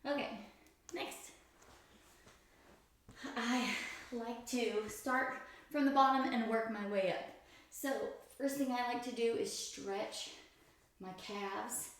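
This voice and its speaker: Talking through her own stretches, a woman hosts a stretching routine video with casual instruction. Her voice is a little high and steady, slow with frequent pauses, and the room is very echoey.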